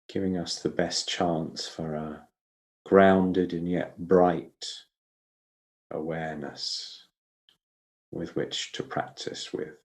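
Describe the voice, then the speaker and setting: A man leading a guided breath counting meditation as a teacher, speaking in a slow, measured, instructional way with pauses. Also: low voice, fairly even intonation, darkish tone.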